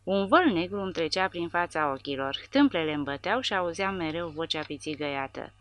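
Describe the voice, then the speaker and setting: A woman narrating a war novel as an audiobook, in a steady, measured storytelling manner. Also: lowish voice, no room sound.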